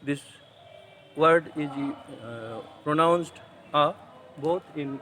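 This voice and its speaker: A man with a Bengali accent teaching an English poem in an online class, explaining slowly and switching between English and Bengali. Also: fairly high pitch, slight background noise, poor audio. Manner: slow, deliberate explaining, mixing English with Bengali.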